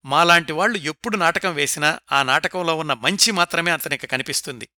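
Guy narrating a life story, bright crisp voice, slows for quotes, super dry sound. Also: a little high, no echo. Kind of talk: scripted biographical narration.

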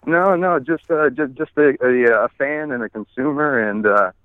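A man's voice: medium pitch, normal speed, no echo. A man in his forties calling in by phone while walking his dog, talking casually with many restarts and plenty of swearing. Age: 40s. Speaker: guest app founder. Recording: tinny phone line.

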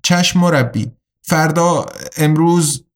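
A man voicing a sharp, determined young woman in an audiobook, speaking in an earnest, urgent way. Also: low-pitched, natural voice.

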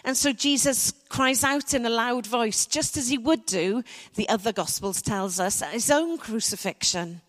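A woman preaching a sermon to her church, reflective and measured, with soft dramatic pauses. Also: fairly high pitch. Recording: church hall with long reverb.

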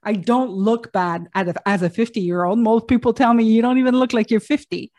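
A podcast host in her fifties talks in a fairly high-pitched but dark-toned voice, a little fast and with fairly even intonation. During a casual interview chat she's chatty and self-revealing, restarting often and laughing.

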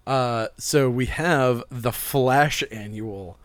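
A man's voice: medium pitch, drawn-out words, dry recording, clean studio sound. Chatty man geeking out on pop culture. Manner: enthusiastic, rambling, laughs often. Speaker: podcast co-host, comic shop worker. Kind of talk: casual chat.

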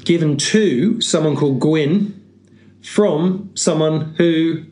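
A man's voice: fairly high pitch, slow pace, darkish tone. A man hosting a podcast, introducing a listener's speech with a dry, wry manner. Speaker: podcast host. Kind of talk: casual chat.

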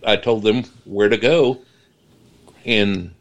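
A middle-aged man, a guest researcher, talking in a casual podcast interview, halting and repeating words, then explaining at length. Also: on the low side.

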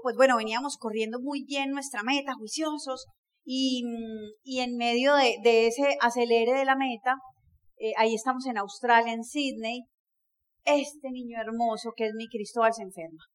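Lively high-voiced woman telling travel stories. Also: moderate pace. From Colombia. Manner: lively, jokey, talks to the audience directly. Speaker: motivational speaker. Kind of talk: storytelling talk to an audience.

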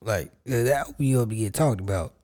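A man's voice: lowish voice, fast, warm tone. A man co-hosting a podcast in casual banter, teasing and slangy. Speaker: podcast co-host. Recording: clearly noisy background with clicks.

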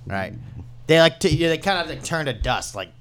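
A man's voice: fairly high pitch, big pitch swings, normal speed, a crowd in the background. A man vividly narrating scenes in a tabletop game, with casual profanity.

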